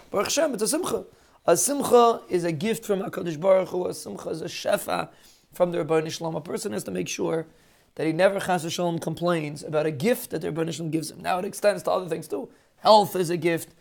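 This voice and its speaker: A man speaks in a high, creaky voice with a Yiddish-inflected accent. He gives an informal sermon, earnest and emphatic. His delivery is halting, with phrases repeated for weight. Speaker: religious speaker giving a short daily talk.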